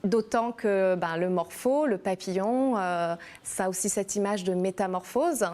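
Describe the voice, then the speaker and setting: A woman's voice: medium pitch, unhurried, darkish tone. A woman from New Caledonia, an energy healer, explaining her practice in an interview, with many fillers and restarts. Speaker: energy healer and massage therapist.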